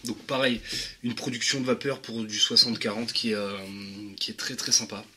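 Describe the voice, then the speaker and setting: Slangy, halting man with a bright voice. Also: medium pitch, steady tone, a little hiss or hum. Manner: casual and slangy, halting with many restarts. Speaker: vape juice reviewer. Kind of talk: casual product review vlog.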